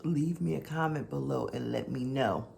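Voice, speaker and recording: A woman's voice: extremely low pitch, normal speed, creaky, mellow, a little hiss or hum. A woman hosting a casual cooking vlog, talking straight to her viewers and humming over each bite. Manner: savoring food with long hums; chatty, addresses viewers directly. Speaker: cooking channel host.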